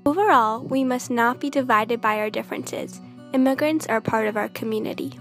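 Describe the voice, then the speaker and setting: A woman's voice: a little high, brisk, a bit bright, faint music behind. A teenage girl narrating a report as a student reporter, in an earnest read-aloud delivery. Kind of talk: scripted narration.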